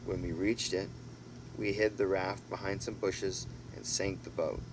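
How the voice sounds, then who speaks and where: This amateur reader has a low, unhurried voice as he narrates a storybook informally, mixing in asides and occasionally fumbling a line before correcting it. He records at home, where there is noise and a persistent hum.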